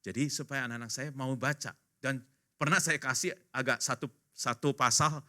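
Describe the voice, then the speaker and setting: A man's voice: mid-range voice, fairly even intonation, moderate pace, pushed and bright. A man in his fifties, a pastor, preaching a casual, joking sermon to his congregation at a church service and acting out the voices of the people he quotes.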